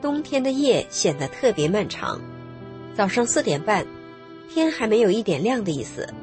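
A woman calmly narrating her own story in a measured, scripted radio reading. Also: mid-range voice, music in the background.

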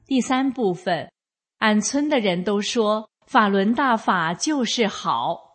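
A woman reads a first-person account aloud from a script. She keeps an unhurried, deliberate pace, and her voice sits at a middle pitch for a woman. Her delivery stays even and measured throughout. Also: soft background music.

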